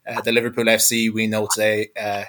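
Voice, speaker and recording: A man's voice: lowish voice, monotone, fairly quick, fairly bright tone, slight background noise. A man in his twenties with a west of Ireland accent, a sports journalist talking fluently and reflectively as a guest in a football discussion. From Galway, west of Ireland. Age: 20s.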